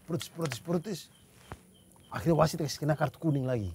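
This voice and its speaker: A young man with a high, husky voice tells a story in a relaxed chat. He repeats words for comic effect as he builds up to the punch line. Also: normal speed. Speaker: podcast co-host.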